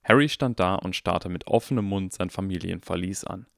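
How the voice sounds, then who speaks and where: Lower-voiced male audiobook narrator. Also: gravelly, dry recording, clean studio sound. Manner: calm, even, measured storytelling. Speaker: audiobook reader. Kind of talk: scripted narration.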